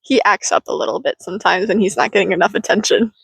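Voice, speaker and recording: A woman's voice: mid-range voice, fairly even intonation, fast talker, creaky, a bit bright, husky, no room sound. A woman co-hosting a podcast in casual chat, playful and giggly, recorded outdoors on a handheld mic. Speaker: podcast co-host. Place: outdoors in the woods. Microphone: handheld mic passed between speakers.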